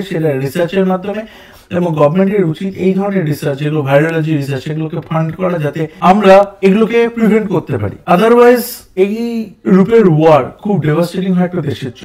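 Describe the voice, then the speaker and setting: A man's voice: high-pitched, a little mellow. A man hosting an explainer commentary, talking urgently in a warning tone and dropping English words into his speech. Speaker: channel host.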